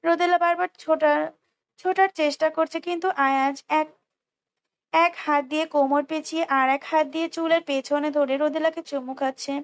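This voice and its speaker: A woman with a high voice reads a romance story aloud. She reads unrehearsed, often restarting lines and breaking off for short asides. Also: steady tone, normal speed. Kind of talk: reading a romance novel aloud.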